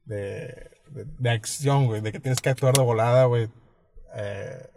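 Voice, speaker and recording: A man's voice: medium pitch, a little slow, vocal fry, background noise. A man with a Mexican accent, co-hosting a podcast and telling personal stories in a rambling, slang-heavy, casual way. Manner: rambling, slangy, fills nearly every phrase with "güey". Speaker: podcast co-host. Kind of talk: casual storytelling chat.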